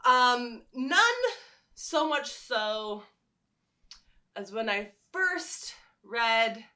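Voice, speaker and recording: Speaking very slowly, this woman has a voice on the high side that is expressive, bright, and forceful. She's a vlogger and fan fiction writer rambling enthusiastically through stories in casual, chatty talk to her viewers.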